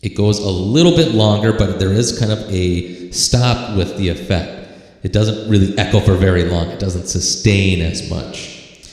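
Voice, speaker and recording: Deep-voiced man demoing gear, dry sound. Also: a little slow, a little mellow, no room sound. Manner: rambling, lots of "uh" and "like". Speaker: podcast co-host. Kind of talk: casual gear demo chat.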